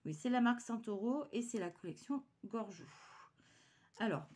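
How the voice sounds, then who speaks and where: A woman hosting a craft channel, chatting casually through an unboxing with many hesitations and dropping to quiet muttering as she handles items. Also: on the high side, expressive, moderate pace.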